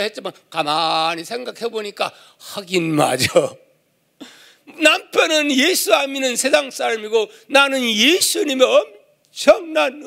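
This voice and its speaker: A male pastor preaching in a storytelling way, with a high, swooping voice. He talks slowly and deliberately, with a gravelly edge, and keeps switching into character voices. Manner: animated, acts out the voices of the people in his story. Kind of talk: storytelling sermon.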